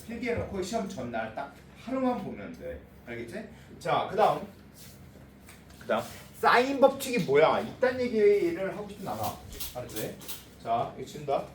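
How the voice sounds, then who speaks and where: A man's voice: fairly high pitch, very animated, moderate pace, a little mellow. A male math teacher lecturing a class in a blunt, informal way, checking again and again that the students got it. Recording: echoey room, voice from a distance, faint noise.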